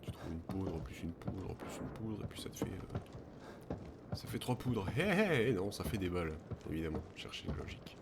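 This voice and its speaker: A man's voice: low voice, moderate pace. A man giving casual, rambling and wryly sarcastic let's play commentary, often muttering. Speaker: let's play video game streamer. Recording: clearly audible game noise behind voice. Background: video game sound.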